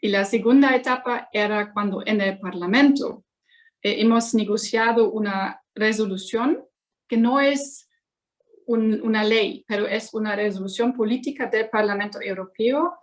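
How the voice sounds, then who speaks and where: German lady with german accent on a webinar, non-native, halting, hunting for the right word. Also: medium pitch. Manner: halting, searching for words in non-native speech. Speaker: guest politician, member of parliament. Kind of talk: webinar panel answer.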